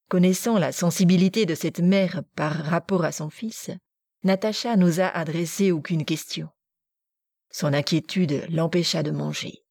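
A woman narrating a classic novel in a measured, expressive audiobook reading. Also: fairly low pitch, creaky, husky, dry recording, studio quality. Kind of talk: literary narration.

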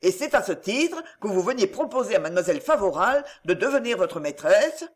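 A man's voice: high-pitched, sing-song. A man playing a cold, stern nobleman. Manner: cold, measured, commanding.

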